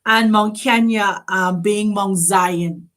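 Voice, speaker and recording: A woman's voice: mid-range voice, steady tone, slow pace, fairly bright tone. A woman hosting, giving an impassioned spiritual address full of rhetorical questions and urgent appeals to her listeners. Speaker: host.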